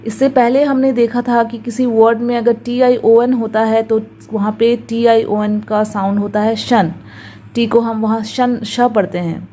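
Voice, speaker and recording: Woman, Hindi accent, pronunciation teacher, very slow, repeats each word, mellow voice, faint noise behind. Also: a little high, fairly even intonation, rough recording. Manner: slow, careful, repeats words for drilling. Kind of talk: YouTube pronunciation lesson.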